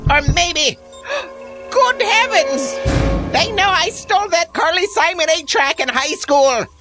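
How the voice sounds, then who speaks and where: A woman's voice: very high voice, normal speed, music in the background. A woman playing a hysterical, foolish mad scientist given to theatrical exclamations in a comedy audio drama. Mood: melodramatic panic.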